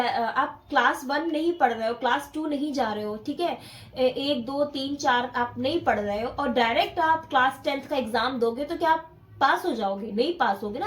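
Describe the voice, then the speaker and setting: High-voiced woman teaching dholak, echoey room. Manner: patient, counts beats aloud. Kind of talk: step-by-step music lesson.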